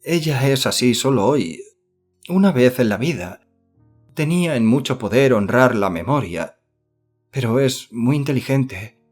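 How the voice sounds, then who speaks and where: A man voicing a timid young woman who speaks in halting, broken-off phrases in an audiobook. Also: mid-range voice, lively intonation, a little mellow, faint music behind. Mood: tearful.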